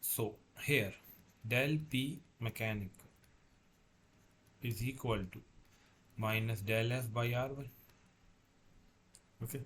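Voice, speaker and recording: A man lecturing as a tutor, working through a problem step by step in a halting way, repeating and correcting himself. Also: mid-range voice, fairly bright tone, a little hiss or hum. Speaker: engineering tutor.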